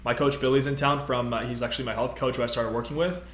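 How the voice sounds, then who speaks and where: A man's voice: mid-range voice, fairly even intonation, quick pace, a bit bright, a little hiss or hum. Upbeat young man on a roomy live stream. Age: 20s. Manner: casual, upbeat, many fillers, reads out chat. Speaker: host. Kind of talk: live-stream tutorial chat. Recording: roomy echo.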